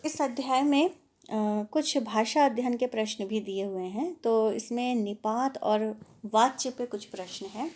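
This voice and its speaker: A woman teacher goes through a Hindi textbook lesson at an unhurried pace. Her voice sits a little high, and she explains patiently, pausing with small fillers and walking through one example after another. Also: a little mellow.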